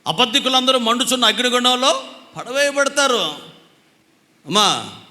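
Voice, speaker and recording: A man's voice: very high voice, lively intonation, moderate pace, bright, forceful tone. A man preaching a sermon as pastor, telling stories, acting out quarrels and now and then breaking into sung lines. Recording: echoey hall reverb.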